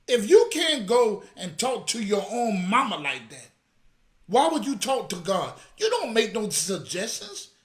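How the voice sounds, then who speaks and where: A man's voice: high voice, wildly swooping pitch, unhurried, reverberant. A man hosting a religious commentary show, fiery and scolding, calling out to his audience directly. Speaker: apostle and show host. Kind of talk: reaction commentary.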